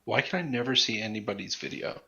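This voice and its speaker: A man's voice: on the low side, very animated, quick pace, gravelly, a crowd in the background. A man chatting casually on a voice call, asking puzzled questions. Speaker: player on a voice call. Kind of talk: casual chat. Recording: dull voice-chat audio.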